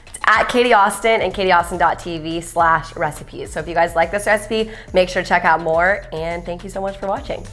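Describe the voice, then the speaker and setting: A woman's voice: on the low side, a little fast, fairly bright tone, soft background music. A woman, a guest cook, chatting casually about a recipe and using "like" often as filler. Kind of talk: casual cooking chat.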